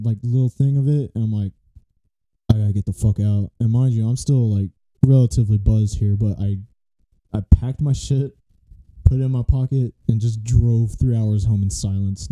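A man's voice: fairly low pitch, steady tone, moderate pace, mellow. A young man co-hosting a podcast, telling a long rambling story in casual chat. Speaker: podcast co-host.

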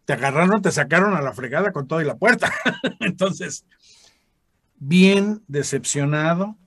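A man's voice: a little high, a little slow, no echo, studio quality. A man with a Mexican Spanish accent, a former radio announcer and voice actor, telling stories in a casual interview and acting out the voices he quotes. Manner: animated, acts out quoted voices.

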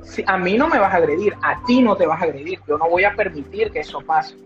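A woman's voice: fairly low pitch, fast talker. Emphatic woman explaining with examples. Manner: emphatic, repeats key phrases, gives examples. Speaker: child behavior specialist guest. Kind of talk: explanatory interview talk. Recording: dull lo-fi audio with faint music.

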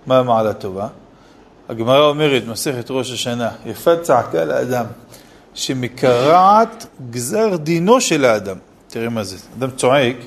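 A man, a city rabbi, giving a Torah lesson and firing off rhetorical questions with scolding asides. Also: mid-range voice. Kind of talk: Torah lesson on Selichot laws.

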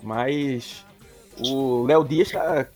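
A man with a Brazilian accent co-hosting a casual sports podcast, slangy and joking, halting and often repeating himself. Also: medium pitch, no echo, faint music behind. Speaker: podcast co-host.

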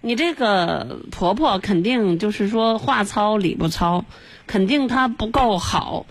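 A woman's voice: mid-range voice, lively intonation, unhurried, no room sound. A woman hosting a call-in advice show, speaking bluntly and scolding with rhetorical questions. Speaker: radio advice host.

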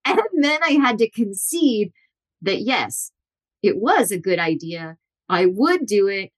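A woman in her forties speaks as an interview guest, telling her stories with lively swings in pitch and voicing the people she quotes. Her voice sits at an average pitch for a woman. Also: slow pace. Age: 40s. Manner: animated, acts out quotes with shifting voices. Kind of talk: storytelling interview.

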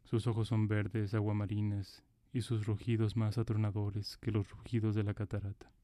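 A man narrating a fairy tale in a calm, even storybook delivery. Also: lowish voice, moderate pace, no echo.

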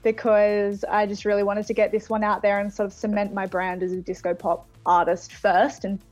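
An Australian woman talks informally and reflectively as a music guest in an interview. Her voice is medium in pitch. It comes over a slightly lo-fi, dry video call with music faintly behind. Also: flat delivery, moderate pace, a little mellow. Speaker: singer-songwriter guest being interviewed. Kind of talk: casual chat interview. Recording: phone-like thin sound of video call.

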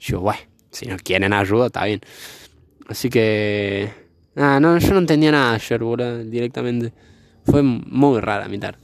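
A man's voice: medium pitch, moderate pace, vocal fry, no room sound, clean studio sound. A young man telling a story in casual, rambling chat, full of slang and swearing. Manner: rambling, slangy, swears freely, laughs often. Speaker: vlogger. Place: outdoors by a fire.

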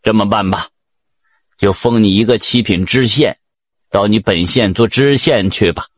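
Folk-tale emperor, as a male storyteller puts him on, lordly and measured, his words drawn out slowly in a lower, husky tone. The sound is close and dry. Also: no echo, natural voice. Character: old-time emperor, slow and lordly.

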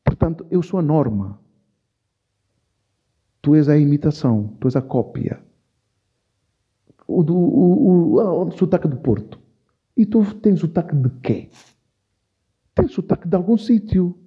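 A man's voice: fairly high pitch, animated, measured pace, long pauses, slightly rough. A man giving impassioned commentary in an interview, speaking emphatically and repeating key phrases for stress. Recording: dull lo-fi recording.

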